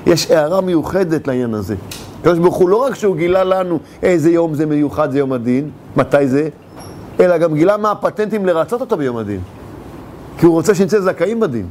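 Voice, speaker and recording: A man's voice: fairly high pitch, darkish tone, slight background noise. A man teaching a religious lesson, animatedly telling a parable and acting out its scenes.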